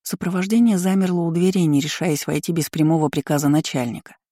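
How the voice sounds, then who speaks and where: An audiobook narrator reading a fantasy novel in a steady, even storytelling manner. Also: mid-range voice, quick pace, no echo, studio quality.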